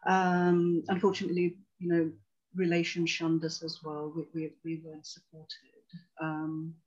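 A woman's voice: low voice, completely flat delivery, unhurried, darkish tone, highs cut off. A woman in her forties, originally from Tanzania, working as a psychotherapist and telling her life story earnestly and reflectively as a guest on a video call. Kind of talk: personal storytelling in a conversation.

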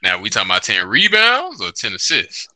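Very bright-voiced man, slangy buddy sports chat. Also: fairly low pitch, huge pitch swings, fairly quick, no echo. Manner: slangy, bro-heavy buddy talk.

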